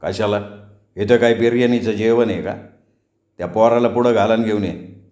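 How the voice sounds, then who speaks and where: A man's voice: lowish voice, fairly even intonation, normal speed, warm tone, muffled recording, natural voice. Bossy rich landlord, done by a guy, growling threats and orders, roomy echo. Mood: menacing. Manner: threatening, commanding. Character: domineering rich older landlord, harsh tempered.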